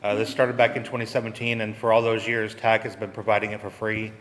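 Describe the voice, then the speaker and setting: Low-voiced man explaining in a reverberant room. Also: little pitch movement, fast talker, a bit bright. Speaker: county staff presenter. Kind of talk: informal explanation at a public meeting. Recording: reverberant room, faint noise.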